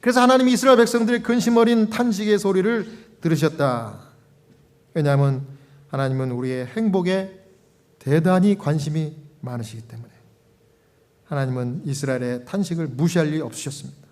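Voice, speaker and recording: A man with a notably high voice delivers a sermon as pastor. He teaches by posing questions to his listeners and slips into plaintive little prayers to make his point. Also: a little fast. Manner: explains with questions to the congregation, acts out prayers.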